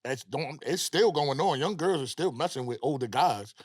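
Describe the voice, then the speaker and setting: A man chatting as a podcast guest, slangy and animated, often tagging lines with "you know what I'm saying". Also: a little high, moderate pace, no room sound, clean studio sound. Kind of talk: casual chat.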